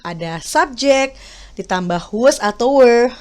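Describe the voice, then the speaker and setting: A young Indonesian woman, an English teacher, explaining a lesson patiently with lots of fillers and slow repetition. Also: a little high, lively intonation, a little mellow. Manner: patient, explaining and repeating slowly with many fillers. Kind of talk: classroom video lesson.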